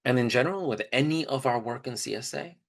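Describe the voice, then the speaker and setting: Speaking fast in a mid-range voice, a trip leader for student service trips recounts personal stories. He keeps it casual and conversational while being candid and emotionally open.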